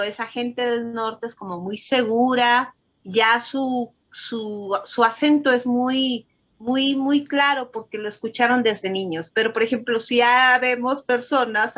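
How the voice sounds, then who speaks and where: A woman's voice: a little high, fairly bright tone, lo-fi sound. A woman voice teacher, affirming her partner and explaining with examples in a reflective conversation.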